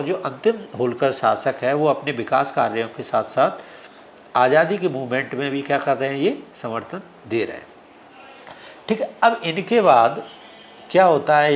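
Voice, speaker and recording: A man's voice: mid-range voice, dull audio, a little hiss or hum. Man lecturing with constant self-questions. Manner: asks questions and answers them himself, frequent "ठीक है?". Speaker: exam coaching teacher. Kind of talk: classroom lecture.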